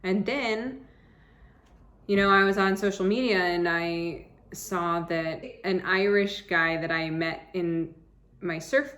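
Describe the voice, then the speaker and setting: A woman's voice: fairly low pitch, a bit bright. Chatty American woman vlogger. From United States (Arizona). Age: 30s. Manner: chatty, upbeat, rambling with restarts. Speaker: travel vlogger. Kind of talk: casual talk to camera. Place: indoors, seated in a chair.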